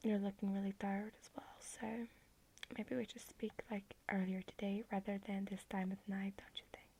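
A woman's voice: mid-range voice, level tone, moderate pace, darkish tone, husky. A young woman whispering as an affectionate, clingy girlfriend in an ASMR roleplay on a video call at night.

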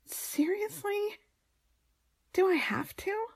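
Casting: woman to play adult woman as a grudging, teasing maid in intimate audio role-play; heavy vocal fry, husky, unhurried. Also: mid-range voice, lively intonation, darkish tone, full character voice. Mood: embarrassed, grumbling.

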